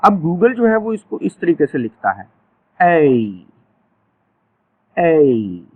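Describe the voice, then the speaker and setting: A man teaching phonetics in a lecture, repeating each example sound slowly. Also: high-pitched, sing-song. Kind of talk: classroom lecture. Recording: tinny phone-like audio.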